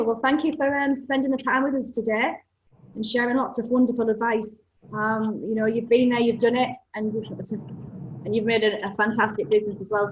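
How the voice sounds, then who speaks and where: A woman's voice: a little high, slight background noise, rough recording. A woman hosting an interview, polite and appreciative, losing her voice a little. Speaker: interviewer host.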